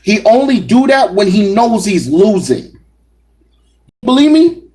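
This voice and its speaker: A man's voice: sits high, very animated, a little slow, warm tone, poor audio. A man giving assertive, argumentative commentary on battle rap, speaking directly to his viewers. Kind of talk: opinionated solo commentary.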